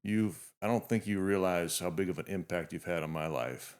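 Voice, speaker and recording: Speaking in a deep voice at a moderate pace, this fifty-year-old host begins his podcast interview with a heartfelt introduction. He addresses his guest earnestly and reflectively, frequently restarting his thoughts.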